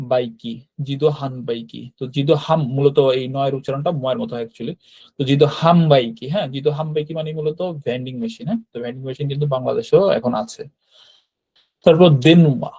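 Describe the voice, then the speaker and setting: Male language teacher, fast delivery, mellow dark tone, repetitive explanatory style. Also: mid-range voice, gravelly. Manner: explanatory, repeats words, frequent fillers and "right?" checks. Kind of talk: online class lesson explaining vocabulary.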